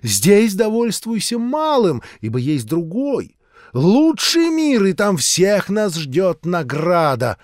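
A man voicing a fervent old street preacher woman in an audiobook, loud and drawn-out in a preaching manner. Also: high voice, huge pitch swings, no echo, studio quality, pitched above the performer's own voice, heavily acted. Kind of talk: audiobook reading.

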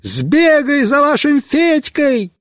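A man doing a panicked, yelling little boy. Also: very high voice, drawn-out words, no echo, clean studio sound, pitched above the performer's own voice, exaggerated voice. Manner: yelling in alarm. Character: panicked young boy stuck on a runaway bike.

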